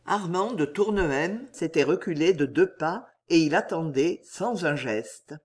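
A man narrating an audiobook in a slow, solemn, expressive way. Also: on the high side, breathy edge.

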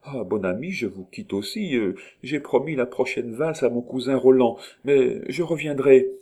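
A man's voice: medium pitch, normal speed, mellow, pitched above the performer's own voice, lightly acted. A man reading aloud and voicing a sly young woman who poses as a princess and feigns innocence. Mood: animated.

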